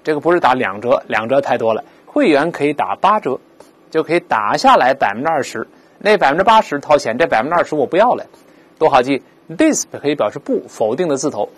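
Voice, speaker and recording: A man's voice, on the high side and full of big pitch swings, leads an English vocabulary lesson. He clarifies words with rhetorical questions and repeats them slowly for learners to practice pronouncing.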